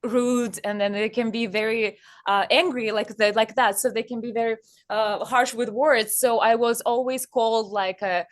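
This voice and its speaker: A young woman from Kazakhstan, a guest chatting in an interview on stage, speaking haltingly with many fillers. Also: a little high, fairly even intonation.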